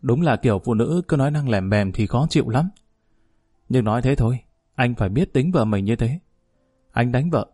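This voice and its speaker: Brief: steady, no-nonsense village woman mediator, read by a man, middle pitch, firm and measured. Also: slightly rough, dry recording, studio quality. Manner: measured, plain-spoken, commanding.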